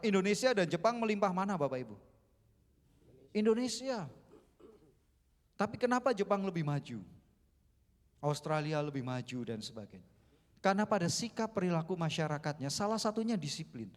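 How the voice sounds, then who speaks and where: Joking high-voiced man preaching. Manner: joking, asks the congregation questions. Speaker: youth mentor and preacher. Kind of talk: sermon. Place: church hall. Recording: echoey church hall.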